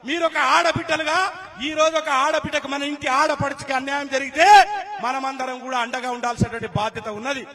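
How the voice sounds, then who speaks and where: A man's voice: very high voice, flat delivery, a little fast, bright, forceful tone. A man with a Telangana Telugu accent giving an impassioned political rally speech, firing rhetorical questions at the crowd. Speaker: political speaker.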